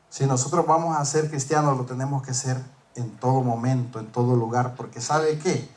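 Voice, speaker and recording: A man preaching a sermon, telling a workplace story and acting out the dialogue, rising to emphatic peaks. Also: a little high. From northern United States.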